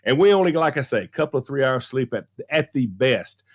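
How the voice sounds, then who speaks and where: His voice sits in the mid range and moves briskly, carrying a Southern US accent. A middle-aged movie critic and radio show regular, he tells a funny talk-show story with animation, voicing the characters himself and laughing throughout.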